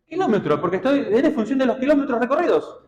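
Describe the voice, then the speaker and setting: Man, Argentine Spanish accent, math teacher, high voice, keeps quizzing his students, echoey room. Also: sing-song, quick pace, darkish tone, lo-fi sound. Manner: questioning, checks understanding often, colloquial. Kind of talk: classroom math lecture.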